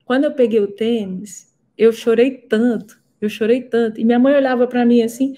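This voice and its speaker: A woman giving a personal testimony in a talk, an animated storyteller who repeats words for emphasis. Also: fairly high pitch, moderate pace. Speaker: therapy co-creator and instructor.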